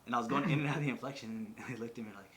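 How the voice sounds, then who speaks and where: A man's voice: mid-range voice, very fast, fairly bright tone, a little hiss or hum. A man hosting a podcast in casual chat, rambling and swearing, with lots of filler words. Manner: rambling, profane, full of "like". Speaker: podcast host.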